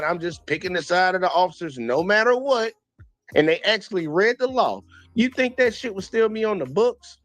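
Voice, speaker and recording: A man streaming his reaction to a police video, talking in blunt, animated casual commentary and repeating points for emphasis. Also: high-pitched, no room sound.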